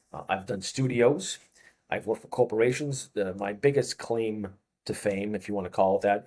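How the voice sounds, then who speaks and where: A Boston fitness coach in his fifties, a guest in a casual interview, rambles through anecdotes and chuckles often. His voice is fairly low and darkish, with a breathy edge.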